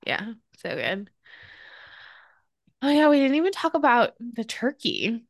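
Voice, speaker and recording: A woman's voice: fairly high pitch, very animated, unhurried, dry recording. Chatty woman podcast host, dry sound. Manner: gushing, chatty, many fillers. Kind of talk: casual book and film chat.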